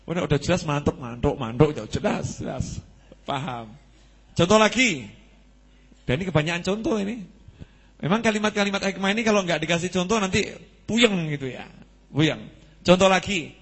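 A man's voice: sits high, normal speed, pauses often, slightly rough. A man preaching at a mosque study gathering, telling stories, acting out dialogue and asking the audience questions. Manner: lively storytelling with questions to the audience; acts out quoted dialogue. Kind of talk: Islamic study sermon.

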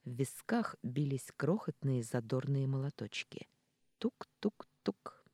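An audiobook narrator reading a first-person novel in an expressive, dramatic manner. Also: medium pitch, takes it slowly, no room sound.

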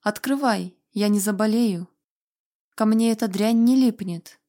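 A woman reading an audiobook, voicing a cold, unflappable man who speaks in a calm, dry, dismissive way. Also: medium pitch, a little slow, lightly acted. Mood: cool, mocking.

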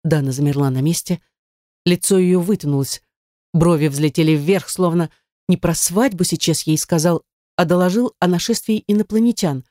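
An audiobook narrator reading a novel in measured, expressive scripted narration. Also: medium pitch, dry recording, studio quality.

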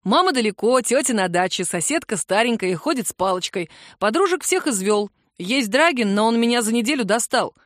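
Female narrator as a cheeky young man, high for a guy, playful and insistent. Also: expressive, brisk, hardly any pauses, no room sound, studio quality, lightly acted. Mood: cheerful. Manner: teasing, cheerfully pushy. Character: cheeky cheerful young man, teasing friend.

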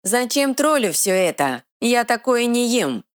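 Woman voicing a gruff male troll in broken speech. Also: fairly high pitch, big pitch swings, a little slow, pitched above the performer's own voice. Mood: defiant growl. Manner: ungrammatical broken phrasing.

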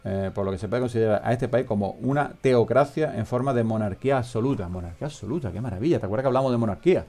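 A man's voice: mid-range voice, racing, mellow, soft background music. A man hosts a loose, comedic radio chat at a studio mic. His talk rambles, drifts into jokes and often trails off unfinished. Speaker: podcast host.

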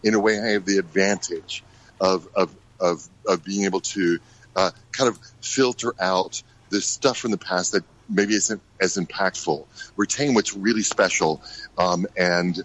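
A middle-aged American man, a ballet director, answering questions in a radio interview, halting with many fillers and restarts. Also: sits low, fairly bright tone, low-quality recording. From United States.

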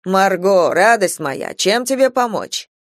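A man's voice: high-pitched, very animated, slow pace, dry recording, clean studio sound, heavily acted. A man voicing a jovial, affectionate male shopkeeper in an audiobook, with a chummy manner. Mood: friendly. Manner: chummy, calls her dear.

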